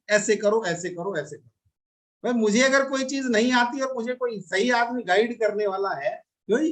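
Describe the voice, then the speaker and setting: A man giving a motivational business talk to a seminar audience, coaxing them along with frequent rhetorical tag questions. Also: very high voice.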